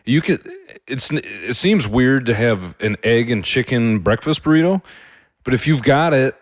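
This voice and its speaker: A man's voice: medium pitch, animated, a little slow, no echo, clean studio sound. A man hosting a cooking podcast, talking casually on his own in a rambling way, with lots of fillers and restarts. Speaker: podcast host. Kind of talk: casual solo podcast talk.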